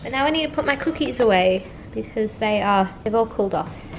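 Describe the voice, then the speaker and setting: A woman's voice: fairly high pitch, brisk. Chatty young woman vlogging at home. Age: 20s. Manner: chatty, relaxed, peppered with "like". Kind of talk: casual vlog chat. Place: at home, indoors. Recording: noticeable room ambience noise.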